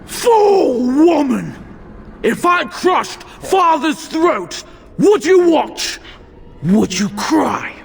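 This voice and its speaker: A cruel, taunting demon speaking through a young boy in a fantasy game. The voice is very high and gravelly and swings wildly in pitch. It drags out each word slowly, with a long hall reverb behind it. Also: sing-song, full character voice.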